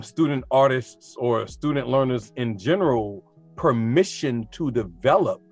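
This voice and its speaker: A man in a relaxed interview, an experienced teacher who talks freely and reflectively and breaks into animated, slangy asides. His voice sits at an ordinary middle pitch. Faint music plays in the background. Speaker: teacher of high school students. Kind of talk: casual interview conversation.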